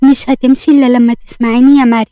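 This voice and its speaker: A woman's voice: sits high, level tone, rapid-fire, warm tone, no room sound, lightly acted. A woman with an Egyptian accent voicing an insistent, remorseful young man begging forgiveness in a read-aloud story. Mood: pleading. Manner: pleading, insistent.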